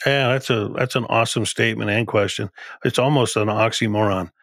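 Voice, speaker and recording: A man with a gravelly edge to his voice speaks as a podcast guest, sharing business lessons with emphatic, repetitive phrasing. The recording is close and dry, with no room sound around him. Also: fairly low pitch, fairly even intonation, a little fast, fairly bright tone, no echo. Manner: emphatic, repeats and restarts phrases. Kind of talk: conversational podcast interview.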